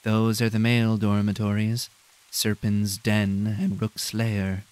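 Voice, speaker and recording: A man voicing a condescending male professor with a nasal, monotone voice, speaking coldly and slowly. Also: on the low side, clean tone. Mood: smug. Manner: cold, slow and drawn-out. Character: smug, condescending male professor giving a tour.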